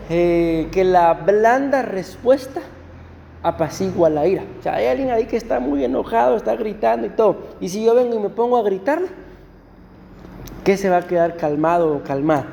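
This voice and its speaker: A male pastor giving a conversational sermon to his congregation, often slowing down to read verses aloud. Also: sits high, creaky, dark tone, in a large hall, slight background noise. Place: church.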